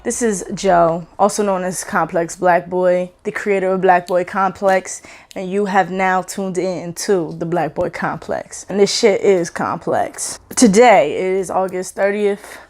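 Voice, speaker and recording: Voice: medium pitch, unhurried, darkish tone, faint music behind. Laid-back, candid vlog host. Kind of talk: casual vlog monologue. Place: home, hot room.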